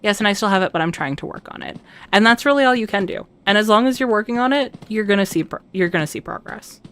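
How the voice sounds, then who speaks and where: A woman's voice: mid-range voice, animated, fast, fairly bright tone, slight background noise. A woman casually chatting and musing aloud as she plays a game, rambling with frequent restarts. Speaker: let's play streamer. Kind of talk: casual gameplay commentary.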